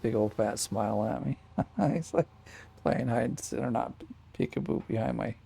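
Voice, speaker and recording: A man's voice: mid-range voice, normal speed, vocal fry, warm tone, breathy edge. A man casually commenting on his gameplay at his home desk, rambling and correcting himself, with a small child beside him. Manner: rambling, self-correcting, chatty asides to a child. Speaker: gaming channel host.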